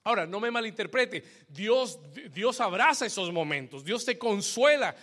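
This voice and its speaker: A man's voice: sits high, lively intonation, normal speed, fairly bright tone. A man preaching a sermon as pastor, speaking emphatically and calling for responses from the congregation.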